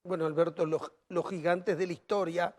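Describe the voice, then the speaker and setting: A man with an Argentine accent hosts an interview in a high voice. He frames questions at length and sums up his guest's points in relaxed, informal speech. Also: moderate pace. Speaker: talk show host. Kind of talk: interview hosting.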